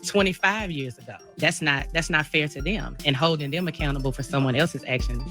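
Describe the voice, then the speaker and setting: A man's voice: on the high side, brisk, bright, forceful tone, soft background music. A man speaking earnestly and reflectively as a guest on a show. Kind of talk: personal talk on a show.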